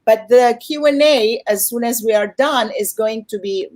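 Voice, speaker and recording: A woman hosts and moderates an online festival Q&A, speaking conversationally. Her voice is a little high and a little mellow, delivered at normal speed.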